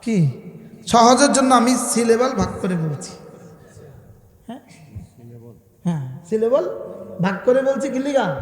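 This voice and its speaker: High-voiced male preacher, echoey hall. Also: very animated. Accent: Bangladeshi Bengali. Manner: sings phrases in long drawn-out chant, then preaches in call-and-response. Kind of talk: chanted Bengali religious sermon. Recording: echoey hall with faint music.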